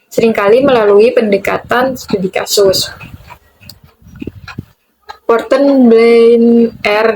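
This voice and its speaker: A young woman presents a prepared lesson for her university class, reading carefully in a measured, even way. Now and then she stumbles and restarts a word. A faint noise sits under her voice. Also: mid-range voice, rough recording. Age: young adult. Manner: measured, reads from a script with occasional slips and restarts.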